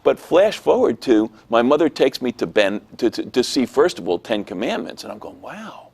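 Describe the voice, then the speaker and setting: A man telling a personal testimony in an interview, animated and acting out the voices of people he quotes. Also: medium pitch, moderate pace, vocal fry.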